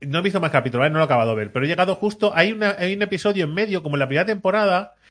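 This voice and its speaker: A man co-hosting a podcast, chatting casually and telling stories with lively swings into loud mimicked shouts. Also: high voice, racing, soft background music. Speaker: podcast co-host. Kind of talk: casual chat.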